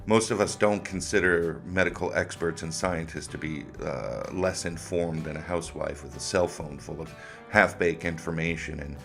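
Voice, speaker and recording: A man's voice: low-pitched, steady tone, normal speed, creaky, fairly bright tone, faint music behind. A man hosting comic reaction commentary in a sarcastic, mocking way. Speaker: host of a commentary video.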